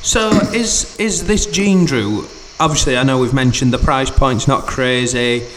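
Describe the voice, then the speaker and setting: A man's voice: medium pitch, unhurried, a bit bright, a little hiss or hum. A man hosting a podcast, chatting loosely and packing his talk with "like". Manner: chatty, loose, piles up fillers like "like". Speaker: podcast host. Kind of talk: casual podcast chat.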